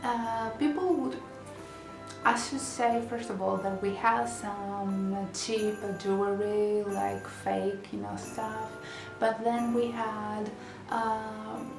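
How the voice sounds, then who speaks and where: This young woman from Greece, a vlogger with a Greek accent, talks casually to camera in a small bedroom, using lots of fillers and restarts. Her mid-range voice is gravelly, level in tone, and slow. Music sits behind her in a recording with a roomy echo.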